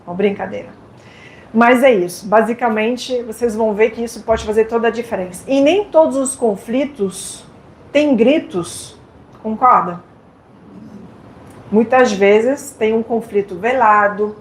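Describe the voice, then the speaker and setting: A French woman with a French accent giving a live lecture, talking directly and playfully and putting questions to her audience. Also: fairly high pitch. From France. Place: lecture hall. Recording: echoey hall with faint noise.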